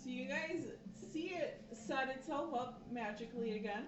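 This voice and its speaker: A woman's voice: high voice, moderate pace, far from the mic. A woman narrating a tabletop game as game master, in a casual way with fillers. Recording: echoey room, dull lo-fi audio.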